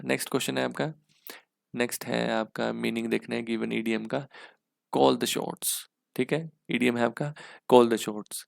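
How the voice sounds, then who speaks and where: गहरी भारी आवाज़ वाले हिंदी लहजे के अंग्रेज़ी शिक्षक. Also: male voice, mid-range voice, creaky. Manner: explains step by step, asks rhetorical questions, spells words out slowly. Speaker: English teacher. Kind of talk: exam-prep lesson in Hindi-English mix.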